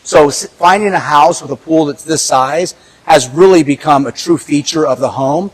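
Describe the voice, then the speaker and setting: A man's voice: fairly high pitch, moderate pace, breathy edge, poor audio. A man giving a casual house tour as a real estate agent, chatty and upbeat with lots of fillers and easy laughs. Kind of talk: casual walkthrough commentary. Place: inside a large house.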